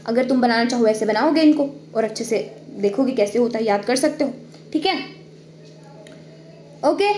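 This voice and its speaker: High-voiced woman teaching biology. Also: expressive, normal speed, long pauses, a little mellow, roomy sound, slight background noise. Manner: explains step by step, checks in with "ठीक है"; drawing on screen while talking. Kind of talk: online exam-prep lecture.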